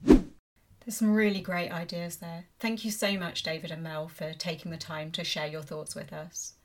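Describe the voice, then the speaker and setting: A woman's voice: on the low side, level tone, normal speed. A woman hosting a podcast, reading a friendly, upbeat outro with a smile in her voice. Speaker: podcast host.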